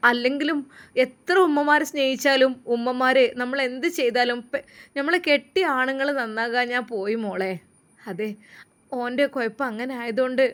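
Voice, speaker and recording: A woman's voice: high voice, a bit bright. A woman with a Malappuram Malayalam accent voicing a worried, devout mother consoling her daughter and sighing over fate. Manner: consoling, resigned, talks of fate and God. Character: worried mother of the young wife, resigned and devout.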